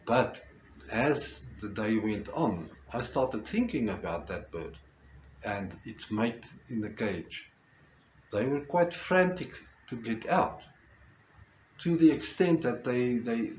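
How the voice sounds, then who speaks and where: Slow-talking older South African man, fairly low voice. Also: darkish tone. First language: Afrikaans. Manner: halting, deliberate phrasing. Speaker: storyteller, host. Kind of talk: reflective personal storytelling. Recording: roomy echo with faint background noise.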